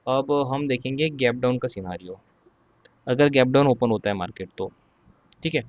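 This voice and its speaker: A man's voice: medium pitch, dry recording, lo-fi sound. Man walking through market charts. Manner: explains step by step, repeats "ठीक है" often, says he will speak slowly. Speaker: stock market trading educator. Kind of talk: casual chart walkthrough.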